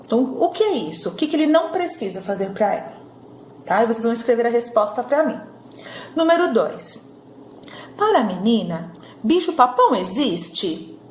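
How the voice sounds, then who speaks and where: A woman teaching a recorded lesson to young children, sounding out syllables slowly and checking in often. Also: fairly high pitch, very animated, darkish tone, slight background noise. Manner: slow syllable-by-syllable drilling, frequent "tá bom?" checks. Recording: echoey room with faint ambience.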